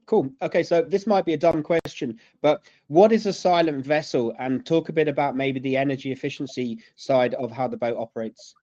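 A man's voice: mid-range voice, brisk, hardly any pauses, mellow. A man interviewing casually, rambling and repeating himself as he forms questions. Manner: rambling, stumbling repetitions. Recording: dull, narrow lo-fi audio.

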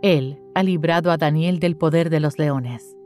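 A woman giving a measured, solemn reading of a Bible passage as a scripted reading. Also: sits low, darkish tone, faint music behind. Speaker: scripture reader.

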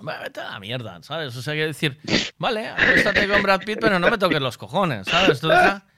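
A man's voice: sits high, very animated, moderate pace, bright, forceful tone. A man co-hosting a casual radio chat, blunt and crude, pressing his points with repeated questions. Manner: blunt, crude, emphatic, keeps adding "¿sabes?".

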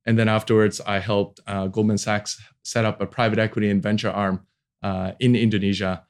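His pitch is fairly low and barely moves, and his pace is brisk. The speaker is a Hong Kong venture capital founder in his forties, a podcast guest discussing his career casually and with some hesitation.

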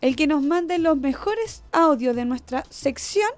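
A woman's voice: high voice, lively intonation, measured pace, dry recording, soft background music. A woman with a Chilean accent co-hosting a radio show, bantering playfully in casual chat. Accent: Chilean Spanish.

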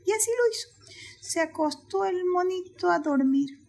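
Female children's storyteller, high voice, expressive, addresses the audience. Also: normal speed, vocal fry. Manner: expressive, addresses listeners directly.

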